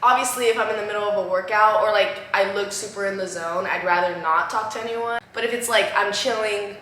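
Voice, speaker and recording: A woman's voice: mid-range voice, fairly quick, sharp tone. A twenty-year-old woman in casual chat, laid-back and rambling with lots of filler words. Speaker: guest friend. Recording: echoey room with faint background noise.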